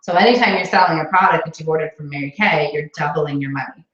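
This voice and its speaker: A woman's voice: low voice, quick pace, a bit bright. Chatty woman coaching in an echoey room. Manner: chatty and encouraging, many fillers. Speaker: sales director coaching new consultants. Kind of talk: casual training talk with a live booking call. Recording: echoey room, slightly dull sound.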